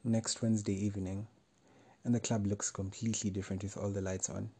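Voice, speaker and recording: A man reading a first-person story aloud in a measured, wry way. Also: lowish voice, level tone, dark tone, slightly rough. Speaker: narrator.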